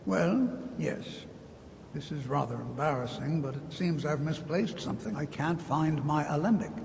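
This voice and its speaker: A man's voice: fairly high pitch, moderate pace, gravelly, a little mellow. An actor playing a polite, flustered older male wizard scholar who keeps apologizing, heard as game audio. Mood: apologetic. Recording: game audio with long reverb and noise.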